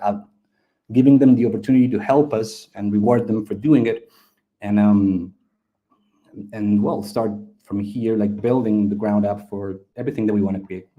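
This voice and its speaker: On poor audio, a Chilean man who speaks Spanish talks casually as an interview guest; he founded a game studio. His voice is lowish and dark in tone, and he often repeats words while explaining.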